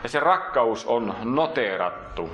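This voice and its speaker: Male preacher, earnest sermon delivery, bright tone, roomy church reverb. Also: expressive, a little hiss or hum. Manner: earnest preaching, rising for emphasis then dropping low and slow.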